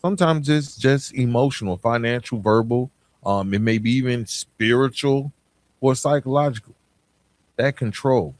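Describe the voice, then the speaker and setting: Speaking at normal speed in a mid-range voice, a man hosts a podcast. His delivery is conversational and motivational without frills, and he keeps asking his listeners rhetorical questions.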